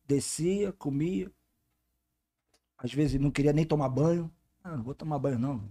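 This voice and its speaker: This man's voice is a little high and moves at a normal speed as he chats casually on a podcast. He tells slang-filled stories with lots of energy, impersonating the people involved.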